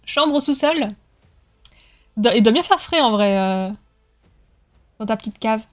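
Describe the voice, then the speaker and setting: High-voiced woman livestreaming, lively and joking. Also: measured pace. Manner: lively, joking, cheering the racers on. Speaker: streamer. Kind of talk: live-stream chat with viewers while racing. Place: at home.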